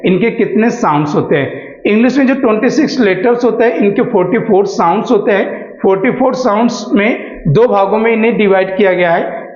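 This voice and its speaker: A man with a high voice teaches a beginners' pronunciation class. He keeps asking questions and answering them himself, and he stretches out example words. The room is echoey, and the recording sounds dull and lo-fi. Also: darkish tone. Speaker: English teacher. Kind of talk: classroom-style lesson explaining pronunciation.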